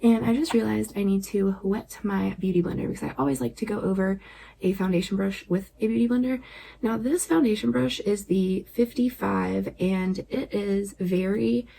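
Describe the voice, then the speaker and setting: Soft-spoken woman with a gravelly voice. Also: mid-range voice, moderate pace, low-quality recording. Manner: relaxed and chatty, often drops to a near-whisper. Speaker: beauty vlogger. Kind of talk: casual makeup tutorial chat. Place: at home at night.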